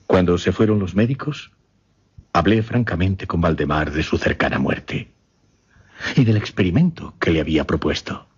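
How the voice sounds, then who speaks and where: This radio drama actor uses a deep, husky, exaggerated male voice to portray a grave gentleman hypnotist recounting a macabre experiment. He narrates the dialogue deliberately and formally, leaning on dramatic pauses, over slightly muffled lo-fi audio.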